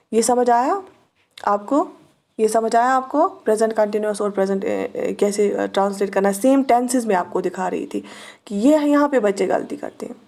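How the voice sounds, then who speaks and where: A woman teacher with a Kashmiri accent, speaking in a fairly high but mellow voice. She reads each example sentence slowly and repeats it for drilling. She keeps checking that her students follow along. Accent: Kashmiri-accented Hindi-Urdu. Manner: checks understanding with short questions. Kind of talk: online exam-prep lesson.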